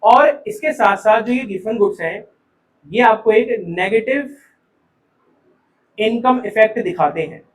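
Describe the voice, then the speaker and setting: A male teacher with a high, bright voice and lively intonation lectures a live commerce class somewhat slowly, pausing often. The distant camera leaves his voice echoing around the classroom with a little hiss or hum, and he keeps asking questions of students he calls "beta."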